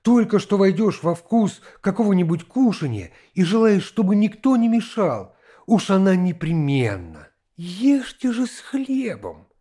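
A man reads a classic novel aloud, his slightly husky voice rising and falling in a lively way. He sits a little high for a man and keeps a storyteller's expressive delivery. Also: moderate pace. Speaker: narrator. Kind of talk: audiobook narration of a classic novel.

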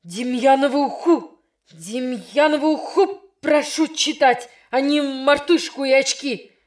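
A woman voicing an exasperated, angry male schoolteacher who shouts and scolds. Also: mid-range voice, expressive, unhurried, close to an everyday voice. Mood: furious. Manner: shouting, then bitter and stern.

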